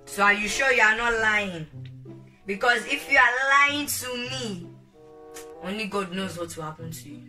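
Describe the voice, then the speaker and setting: A man's voice: high-pitched, moderate pace, pushed and bright, recorded from a distance, faint music behind. A young teenage boy with a West African accent playing a stern, suspicious, melodramatic parent in a homemade comedy skit, scolding with threats and exclamations. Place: small bedroom indoors.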